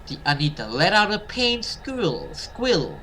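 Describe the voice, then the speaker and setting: A man playing a horror visual novel reads it aloud theatrically as a gamer, in a pushed, bright, high voice whose pitch swoops wildly at a slow pace. He throws in casual swearing asides during this dramatic let's play narration, and the audio is poor with slight background noise.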